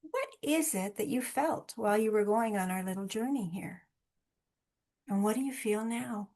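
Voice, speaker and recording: A woman leading a wellness session over a video call, with a calm, instructing manner, speaking directly to her listeners. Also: medium pitch, moderate pace. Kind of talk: guided relaxation and live workshop talk.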